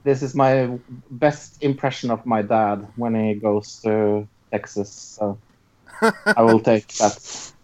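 A woman's voice: extremely low pitch, steady tone, darkish tone, poor audio. A Norwegian-born woman whose first language is Norwegian, hosting a casual guessing game with friends and laughing easily. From Norway. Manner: laughs easily, unhurried and chatty. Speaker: quiz host reading accent clues.

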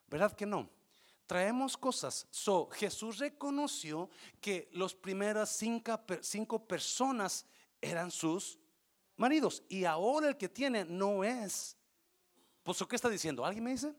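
A male pastor preaching a sermon, questioning the congregation and building to loud peaks. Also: high voice, expressive, measured pace.

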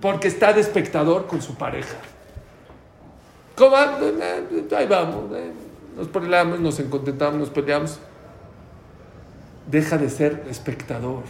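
A man giving a lively sermon, acting out voices of the people and of God as he preaches. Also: fairly high pitch, measured pace, gravelly, pauses often, echoey room, slight background noise. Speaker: rabbi.

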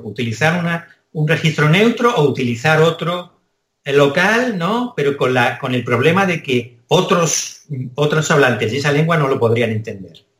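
A man's voice: a little high, fairly bright tone, echoey room. A man from Spain with a Spanish accent, a translation professor answering interview questions thoughtfully, with hesitant restarts. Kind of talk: conversational interview.

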